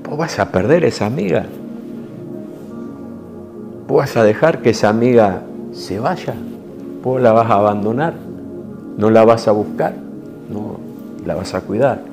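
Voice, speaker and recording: A man with a Rioplatense Spanish accent preaching a sermon in an intimate, emotional way, moving from soft hushed passages to forceful rises. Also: on the low side, a little slow, creaky, long pauses, music in the background. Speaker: apostle preaching.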